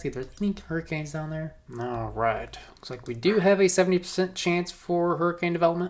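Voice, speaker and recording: A man hosting a casual weather forecast vlog, talking in a rambling, folksy way with joking asides. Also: medium pitch.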